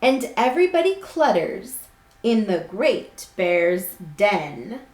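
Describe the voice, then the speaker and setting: Woman, picture book read-aloud, slow delivery, lively swooping pitch, expressive, echoey room. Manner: expressive, acts out words and characters. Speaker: children's club staffer reading aloud. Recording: roomy, echoing indoor sound.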